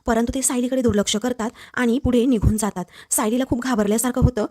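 A woman recapping a drama serial episode as a fast storytelling narration. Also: a little high, steady tone, darkish tone. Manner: brisk, reads quoted dialogue in her own voice.

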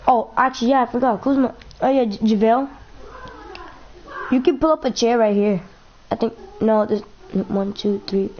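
A woman's voice: a little high, normal speed, dull audio, a little hiss or hum. A young woman talking casually over her basketball video game, chatting in a playful way and often repeating herself. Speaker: gaming YouTuber. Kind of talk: casual gameplay commentary.

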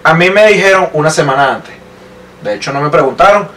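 A man's voice: on the high side, lively intonation, brisk, a bit bright. A young man with a Venezuelan accent, co-hosting a podcast with teasing, playful remarks. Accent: Venezuelan Spanish. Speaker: podcast co-host. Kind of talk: casual chat. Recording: distant mic with faint noise.

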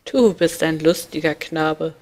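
A woman doing a kind old poet. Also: low-pitched. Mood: kindly. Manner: warm, slow and caring.

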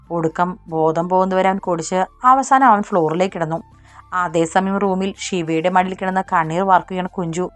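A woman narrating a romance audiobook in a steady storytelling manner. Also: fairly low pitch, dry recording.

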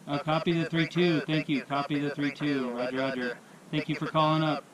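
A man making a ham radio call from a summit, spelling his call sign in phonetic alphabet in a measured, repeating way. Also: on the high side, level tone, over a noisy crowd, rough recording. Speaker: portable ham radio operator. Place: outdoors on a mountain summit.

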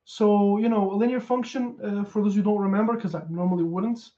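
A Portuguese man in his thirties talks a little fast in a high voice, giving a casual technical conference talk over a headset in a small room at home. The recording is muffled, and he stays relaxed, with lots of ums and uhs and several restarts.

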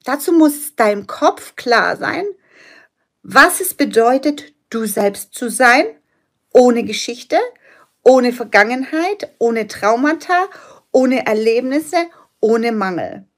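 A woman's voice: fairly high pitch, expressive, slow. A woman giving a spiritual motivational talk as a manifestation coach, speaking emphatically and repeating key phrases.

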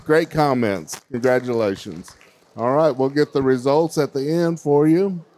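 In a large fair hall, a middle-aged man emcees a kids' baking competition with a handheld mic, interviewing the child contestants in a chatty, encouraging manner. His voice is medium-pitched and darkish, and he speaks at a measured pace.

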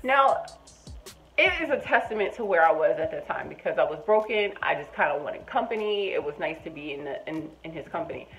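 A woman telling a personal story in a casual vlog, acting out both sides of the conversation with lively voices. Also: deep voice, quick pace, hardly any pauses, faint music behind. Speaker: storytime vlogger.

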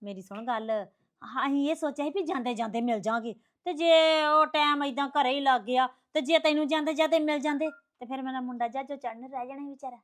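A woman playing a mother who tries to calm an upset relative with apologies and explanations. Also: sits high, fast, lightly acted. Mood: explaining. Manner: placating, apologetic. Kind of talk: family short-film acting.

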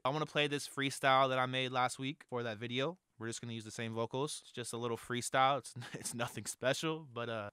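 In his home studio, a young man who produces music walks through vocal mixing in an upbeat, chatty tutorial. His medium-pitched voice has a sharp, clear, resonant quality, recorded up close on an arm-mounted studio mic with no room sound.

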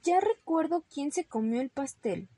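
A woman's voice: sing-song, normal speed, warm tone, no room sound. Woman voicing a nervous little boy bunny. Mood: remorseful. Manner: stammering, pleading and high-pitched. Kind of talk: storybook read-aloud.

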